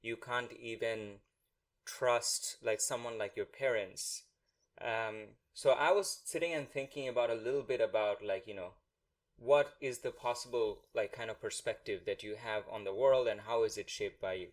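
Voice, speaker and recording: A man's voice: on the low side, normal speed. Rambling male podcast host. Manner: rambling questions with fillers like "like" and "you know". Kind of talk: conversational interviewing.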